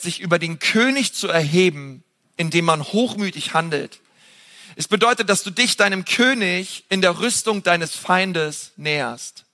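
A man preaching with a high, bright voice. He gets animated and climbs higher to stress his points, with some fillers between them. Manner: animated, rising in pitch for emphasis, with fillers. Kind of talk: sermon.

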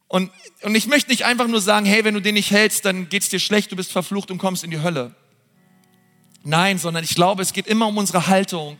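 A man preaching a sermon as pastor, earnest and talking straight to his listeners with frequent fillers. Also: high-pitched. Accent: German. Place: large church hall. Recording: church hall with long reverb and soft music.

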